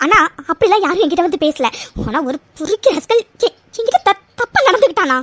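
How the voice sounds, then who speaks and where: Woman doing a young cartoon heroine, very high pitch, fast, scolding, indignant, dry close recording. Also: animated, fairly bright tone, dry recording. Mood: bewildered. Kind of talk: Tamil cartoon fan dub.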